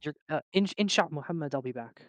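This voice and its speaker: A slightly higher-pitched man calls in over a glitchy line that keeps cutting out. His voice comes through dry and dropping. He talks in a breezy, dodging way. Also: lively intonation, fast talker, no room sound. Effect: glitchy call audio that cuts out. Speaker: caller on a live stream. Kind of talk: casual call-in chat. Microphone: remote call line.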